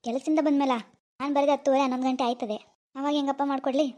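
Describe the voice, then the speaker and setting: A woman's voice: sits high, level tone, mellow, natural voice. Woman voicing Arun, a young cartoon husband. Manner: fast, chatty, reassuring. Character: young village husband, easygoing, jobless and broke. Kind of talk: cartoon voice acting.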